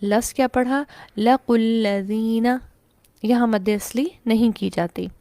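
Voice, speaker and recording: Higher-voiced Pakistani woman teaching tajweed. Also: gravelly, dark tone, dry recording. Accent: Pakistani Urdu. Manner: explains step by step, asks and answers her own questions, recites verses slowly. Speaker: Quran recitation teacher. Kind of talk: online tajweed lesson.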